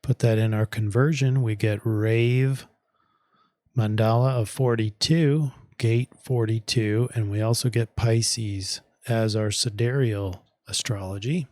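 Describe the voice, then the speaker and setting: Guy reading an astrology forecast real slow, kinda losing his voice, dry close sound. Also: lowish voice, steady tone, a little mellow, dry recording. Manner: slow, measured delivery with deliberate pauses. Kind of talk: weekly forecast monologue.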